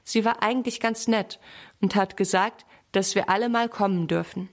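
A woman's voice: medium pitch, normal speed, close to an everyday voice. A woman reading a shy young schoolgirl.

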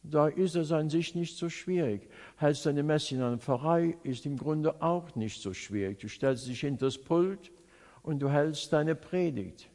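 Preacher man, slow earnest testimony, slightly high voice, long church reverb. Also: warm tone. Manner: slow, earnest storytelling, voice rising and sinking. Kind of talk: sermon, personal testimony.

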